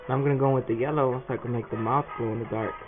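A man's voice: mid-range voice, steady tone, rapid-fire. A man, a face painter, casually talking through a face paint tutorial with a lot of "um" fillers. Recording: tinny phone-like recording with music.

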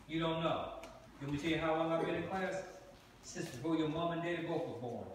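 In a large indoor dojo with mats, a martial arts instructor in his sixties referees a kids' sparring class, barking short, stern commands in a slightly high, brisk voice. A far-off camera captures the echoey hall along with loud room noise.

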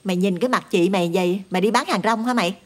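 A woman's voice: mid-range voice, quick pace, close to an everyday voice. Actress as a weary tearful stepmother, Southern Vietnamese. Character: worn-down woman, widowed, poor, long-suffering. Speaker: struggling stepmother and older sister. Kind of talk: TV drama acting. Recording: music score under dialogue.

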